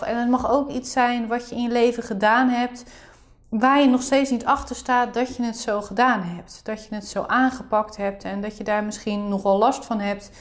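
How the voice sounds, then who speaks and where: A woman explaining a meditation exercise as the leader of the session. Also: a little high.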